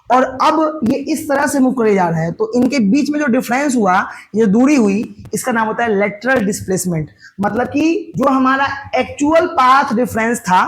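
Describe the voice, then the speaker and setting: Male teacher, step-by-step board lecture, asks and answers own questions, light background noise. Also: extremely high pitch.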